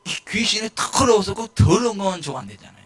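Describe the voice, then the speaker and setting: A male pastor giving a lively sermon in a church, rising to shouts and acting out the people in his stories. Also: high-pitched, fairly quick, husky, soft background music. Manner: animated, shouting at peaks, mimicking people.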